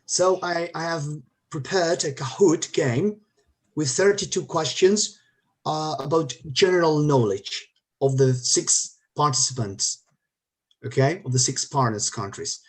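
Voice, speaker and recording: Husky-voiced man on a video call. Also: a little high, measured pace. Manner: upbeat, coaxing players to join in. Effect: heard over a video call. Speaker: teacher hosting a quiz game. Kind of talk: casual online meeting talk.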